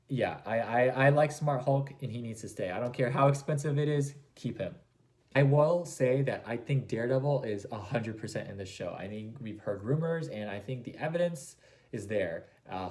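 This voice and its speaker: A man's voice: lowish voice, a little mellow. Enthusiastic, rambling man giving fan commentary. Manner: enthusiastic, gushing. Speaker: reaction video host.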